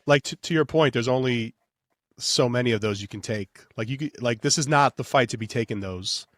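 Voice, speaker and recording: A man's voice: mid-range voice, a little fast, a bit bright, no room sound. Man, casual sports betting podcast host, easygoing, filler-heavy, dry close sound. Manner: loose, filler-heavy, says "baby".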